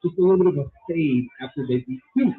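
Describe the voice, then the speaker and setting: A man's voice: a little high, quick pace. A man co-hosting a casual sports radio show, giving strong, emphatic opinions. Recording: tinny phone-like radio audio.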